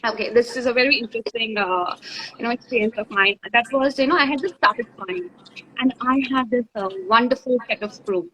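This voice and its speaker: A woman's voice: on the high side, lively intonation, brisk, bright, forceful tone, low-quality recording. A woman, an aviation trainer chatting as a guest on a live stream, often laughing as she tells stories. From India. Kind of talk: casual live-stream chat.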